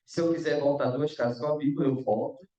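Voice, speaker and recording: This man's voice sits on the high side: mellow and quick, with fairly even intonation. He gives a relaxed math lesson for online exam prep, constantly checking on his students, and the audio has a dull, distant, echoey lo-fi room quality.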